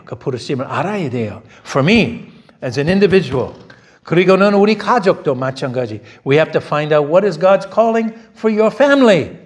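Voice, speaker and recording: Rhetorical questions pour out as a middle-aged male pastor gives a loud, emphatic sermon in a church sanctuary, moving back and forth between English and Korean. His pitch is fairly high.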